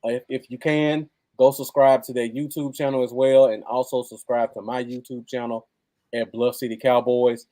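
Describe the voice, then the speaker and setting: A man's voice: mid-range voice, little pitch movement, moderate pace, warm tone. American man co-hosting a casual sports stream. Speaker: co-host of a football fan livestream. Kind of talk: casual live sports chat.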